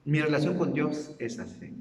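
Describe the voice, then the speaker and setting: Male pastor, relaxed joking sermon, slightly high voice, distant roomy church sound. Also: moderate pace. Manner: conversational, jokey preaching with acted-out prayers. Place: church hall.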